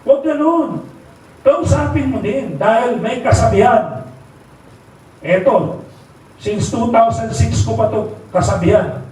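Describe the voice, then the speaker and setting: A middle-aged man with a Filipino accent rallies a seminar crowd, keeps asking "right?" and mimics the voices he quotes. His voice sits high. It reaches the mic from a distance in a very echoey hall, with a little faint noise behind. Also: expressive, slow pace, long pauses, a little mellow. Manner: rhetorical, keeps asking the audience "di ba?" and "tama?". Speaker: company executive giving a motivational talk. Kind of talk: motivational seminar talk. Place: large hall, live seminar.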